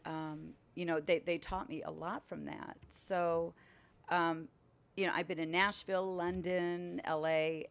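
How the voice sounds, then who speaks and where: A middle-aged woman, a singer and entertainer, joins a casual interview as a guest and tells stories in an animated, emphatic way. Her powerful voice sits a little low for a woman, with a lively push behind her points.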